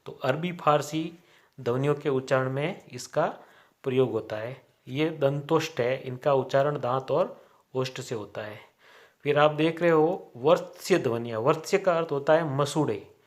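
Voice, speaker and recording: A man teaching grammar at a college, speaking deliberately, spelling out sounds one by one and filling pauses with "a". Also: mid-range voice. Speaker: college Hindi lecturer. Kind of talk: classroom grammar lecture.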